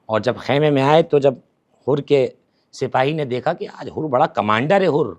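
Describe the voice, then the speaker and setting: A man, a religious scholar, telling a story with feeling in a podcast interview. He swings between forceful and hushed delivery and repeats words for emphasis. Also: medium pitch.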